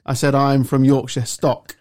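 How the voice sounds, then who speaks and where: A man's voice: mid-range voice, little pitch movement, moderate pace, a little mellow. An English man bantering in a casual chat, joking, swearing and defending himself against teasing. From England.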